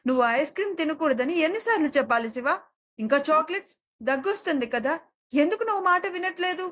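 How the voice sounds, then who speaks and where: Woman playing an elder sister, protective, caring, scolding, high voice, audio story. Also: lively intonation, fast talker, a bit bright.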